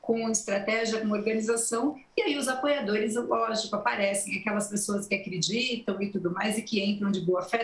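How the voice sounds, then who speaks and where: A woman with a Brazilian accent from the São Paulo interior explains election strategy at an even pace, with frequent "né" tags. Her medium-pitched voice has a noticeable room echo from a TV studio. She answers in a calm, explanatory way. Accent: São Paulo interior Brazilian Portuguese. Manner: explanatory, steady, many "né" tags. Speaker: journalist and election marketing consultant.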